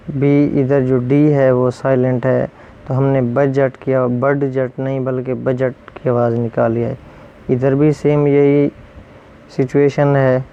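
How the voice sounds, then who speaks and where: A man teaching English pronunciation, repeating each rule and word slowly and then giving its meaning. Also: medium pitch, vocal fry, clean tone, dull audio. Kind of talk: explaining pronunciation rules.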